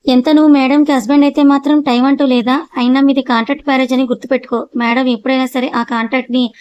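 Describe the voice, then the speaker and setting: A woman's voice: sits high, flat delivery, fast, a little mellow, clear, resonant tone, no room sound, muffled recording, lightly acted. A woman voicing a stern, scolding male office manager in an audio story. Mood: reproachful. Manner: reproachful.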